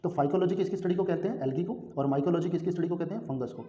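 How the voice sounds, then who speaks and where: Guy teaching exam prep, asks then answers himself, pitch a bit high, roomy dull recording. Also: rapid-fire, warm tone. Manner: repeats questions, answers them himself; frequent "theek hai" check-ins. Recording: echoey room, dull lo-fi sound.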